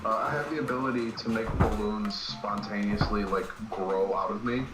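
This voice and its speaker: Goofy, hesitant young man, low voice. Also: fairly even intonation, moderate pace, echoey room, loud music behind the voice, poor audio. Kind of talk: casual gaming chat.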